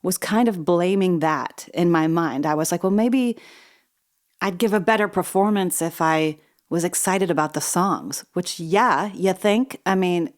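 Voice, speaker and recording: Woman podcast host, 30s, low-pitched, chatty and self-deprecating, a little wheezy. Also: measured pace. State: slightly wheezy from asthma. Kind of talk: solo storytelling podcast.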